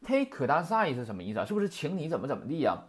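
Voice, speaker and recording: A language teacher in a classroom lesson speaks very fast in a medium-pitched, sing-song voice. She quotes example sentences, explains them, and constantly asks "right?" to check understanding.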